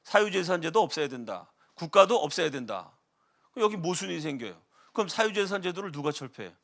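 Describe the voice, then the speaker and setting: A man, a middle-aged pastor from South Korea, giving an animated lecture-style sermon, leaning hard on key words. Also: on the high side, brisk. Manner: animated, emphatic, acts out quoted voices.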